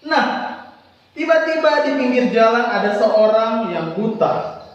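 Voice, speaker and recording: Lively high-voiced man telling a Bible story to children. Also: slow pace, dull audio. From Indonesia. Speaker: Sunday school teacher. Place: church hall. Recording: echoey hall from far off.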